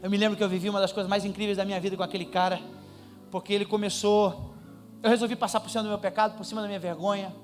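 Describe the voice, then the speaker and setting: A pastor delivers a sermon testimony in a high, lively voice. He tells the story with comic timing and animated energy. Faint music sits under his voice in the church. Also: very fast.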